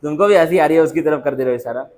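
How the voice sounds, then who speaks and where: High-voiced man drilling a class. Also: racing, a little mellow. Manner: constant rhetorical questions, call-and-response drilling; jokey, teases and calls on students. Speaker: coaching class teacher. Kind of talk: classroom lecture. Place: classroom with students.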